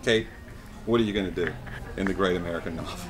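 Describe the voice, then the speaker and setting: A man's voice: low-pitched, music in the background. A man narrating a casual home video on tour and chatting with people in a crowded pub. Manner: chatty, asks quick questions. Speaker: videographer interviewing tour members.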